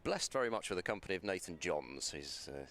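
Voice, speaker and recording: A man giving ball-by-ball cricket commentary from a balcony box, measured and self-deprecating, often restarting his words. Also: low voice, big pitch swings, a bit bright.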